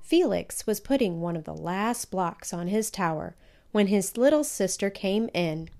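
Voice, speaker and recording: A woman narrates a children's story in an expressive read-aloud style. Her pace is slow and deliberate, and her pitch rises and falls animatedly. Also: creaky, soft background music. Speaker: storybook reader.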